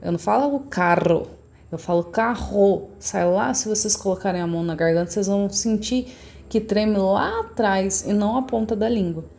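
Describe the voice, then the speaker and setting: A woman teacher, talking young pupils through a recorded lesson. Her voice is mellow and a little gravelly, and she explains each step patiently. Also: mid-range voice, brisk. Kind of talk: recorded remote class lesson.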